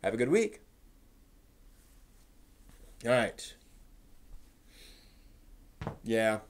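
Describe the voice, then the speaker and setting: A man hosts a casual live stream about anime news and giveaways, chatting and rambling as he thinks out loud. His voice is fairly low, with big swings in pitch and drawn-out words.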